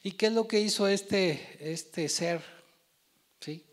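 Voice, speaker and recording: Male preacher, emphatic sermon delivery, voice on the higher side. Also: slow pace. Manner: emphatic with frequent rhetorical "¿sí?" and "hermanos". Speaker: church preacher.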